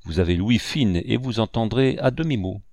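Un vieil oncle peintre, bourru et taquin, que fait un lecteur à la voix grave, au ton sec et moqueur. Le son est mat et proche, sans aucune réverbération. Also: male voice, on the low side, animated, moderate pace, a little mellow, dry recording.

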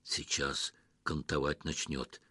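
A man voicing a gruff, grumbling village man with a hoarse voice in an audiobook story. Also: extremely low pitch, level tone, slow, bright, forceful tone, voice pushed down, heavily acted. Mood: grim. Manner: grumbling, stern.

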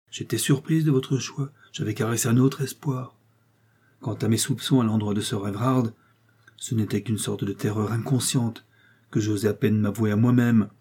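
A man reading aloud plays a reluctant, anxious aunt who speaks hesitantly and pleads. The voice stays dark and slightly husky, as in a spoken storybook. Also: mid-range voice, close to an everyday voice.

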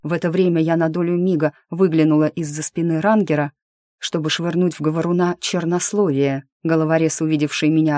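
A woman reading a first-person fantasy audiobook in a lively, wry storytelling manner. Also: low-pitched, dry recording, studio quality. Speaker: audiobook narrator. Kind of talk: scripted fantasy narration.

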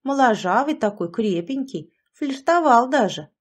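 A woman's voice: on the high side, expressive, unhurried, pitched above the performer's own voice. A woman voicing a brash, outspoken young woman teacher with blunt, exclamatory lines. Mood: indignant.

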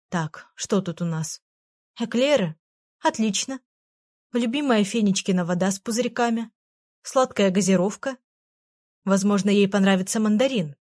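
A woman's voice: medium pitch, darkish tone. Woman narrating a first-person story. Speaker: audiobook narrator.

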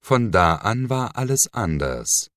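A man's voice: on the low side, big pitch swings, slow, fairly bright tone, no echo, clean studio sound, pitched above the performer's own voice, exaggerated voice. A man voicing a mocking, menacing villain who sneers and hisses, in an audiobook reading. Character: mocking sinister man, cold cult leader.

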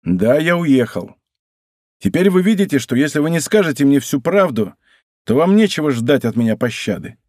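A man's voice: on the high side, sing-song, moderate pace, darkish tone, no echo, clean studio sound. A man voicing a hot-tempered young nobleman who speaks sternly and threateningly.

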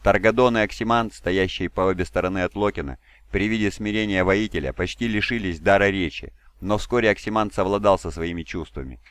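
A man reading an audiobook in a steady, even storytelling way. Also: low-pitched, brisk, clear, resonant tone, dry recording. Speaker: audiobook reader. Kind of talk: audiobook narration. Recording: dry home recording.

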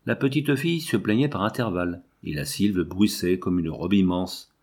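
Husky-voiced man narrating an audiobook. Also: sits low. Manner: measured, even literary narration. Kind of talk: audiobook reading of a novel.

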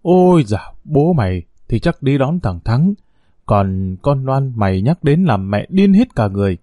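A man voicing a worried, soft-spoken old grandmother in an audio story. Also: mid-range voice, big pitch swings, measured pace, no echo. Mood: weary.

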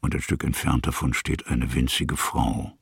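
A very deep, gravelly and husky male narrator tells a present-tense literary radio drama as a slow, musing storyteller, speaking in measured fragments with little pitch movement. Background noise can be heard in the recording.

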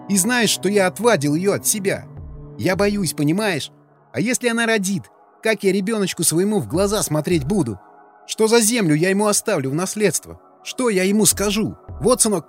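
A man's voice: fairly high pitch, pitched above the performer's own voice. A man voicing a heated, tearful young man who pleads in outbursts. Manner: pleading outbursts through tears.

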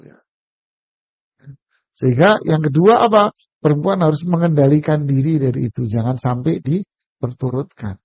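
Gravelly-voiced joking male preacher. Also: medium pitch, no room sound, muffled recording. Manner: jokey, talks straight to the audience. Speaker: Islamic preacher. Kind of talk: casual humorous religious lecture.

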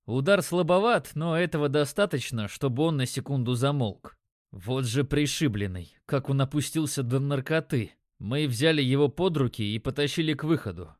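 Guy reading an audiobook, steady measured telling, mid voice, super dry mic. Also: medium pitch, dry recording. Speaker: narrator. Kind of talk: scripted audiobook narration.

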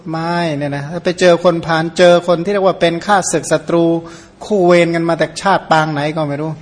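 A middle-aged monk, a native Khmer speaker from Surin in Thailand, preaching a Dharma sermon. His voice sits a touch high for a man, and he keeps it relaxed and talky, tossing questions to his listeners and adding homely asides. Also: fairly quick. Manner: conversational, rhetorical questions, folksy asides. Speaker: Buddhist monk.

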